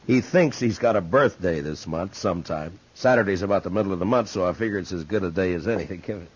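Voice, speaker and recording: Deep, husky frontier marshal, old radio. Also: male voice, quick pace. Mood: friendly. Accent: American. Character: easygoing, authoritative middle-aged frontier US Marshal. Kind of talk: 1950s radio western acting. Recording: dull 1950s radio recording.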